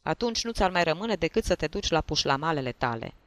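A man voicing a tipsy, jealous husband who shouts and scolds in an audiobook. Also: on the high side, animated, no echo. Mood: lecturing. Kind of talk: audiobook character voice.

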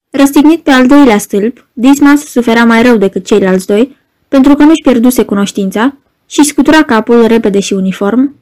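A woman narrating a novel as an audiobook, in an even, measured storytelling voice. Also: a little high, rough recording.

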